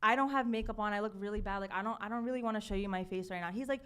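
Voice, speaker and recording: A young woman hosting a live podcast, telling a story time in a casual, animated way and acting out the quotes. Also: medium pitch, very fast, clear, resonant tone. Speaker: podcast host. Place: podcast studio event.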